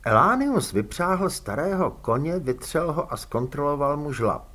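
A man narrating an audiobook in measured, expressive storytelling. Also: fairly high pitch. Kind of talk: scripted narration.

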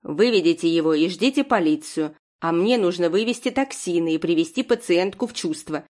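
A woman's voice: fairly low pitch, lively intonation, a little fast, darkish tone, lightly acted. A woman voicing a commanding old woman doctor who barks orders in an audiobook. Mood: imperious. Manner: commanding, barking. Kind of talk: audiobook character voice.

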